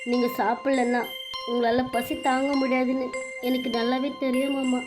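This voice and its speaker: Woman as a dutiful young wife, soft pleading voice, Bangalore Tamil accent, cartoon serial. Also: high voice, little pitch movement, moderate pace, over music, close to an everyday voice. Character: Anjali, young tearful wife, meek and dutiful.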